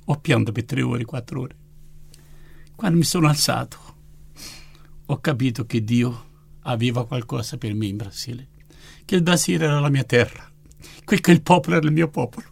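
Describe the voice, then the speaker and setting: An older man from Italy, a missionary and orphanage founder, telling his faith testimony as a fervent, lively storyteller. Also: medium pitch, moderate pace, vocal fry, pauses often, slightly rough.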